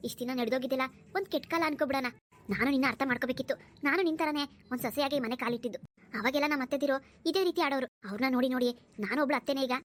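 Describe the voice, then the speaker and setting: A woman's voice: sits high, very fast, close to an everyday voice. A woman voicing an older village mother-in-law in a cartoon, who consoles her daughter-in-law in a firm, motherly way. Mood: consoling. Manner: scolding then consoling, motherly. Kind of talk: cartoon dubbing.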